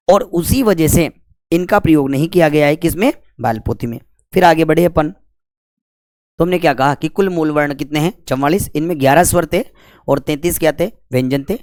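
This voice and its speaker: A man's voice: a little high, a little mellow, no room sound. A man teaching Hindi grammar in a lecture, asking questions and answering them himself, scolding and joking with students. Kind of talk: classroom lecture.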